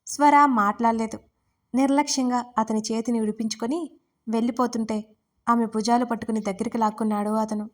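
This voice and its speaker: Woman reading a love story aloud, steady, kinda high pitched. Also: brisk. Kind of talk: scripted narration.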